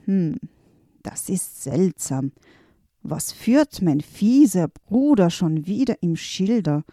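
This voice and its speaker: A woman doing a calm old bearded wizard. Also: dry recording, clean studio sound, full character voice. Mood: puzzled. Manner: low, measured, thoughtful.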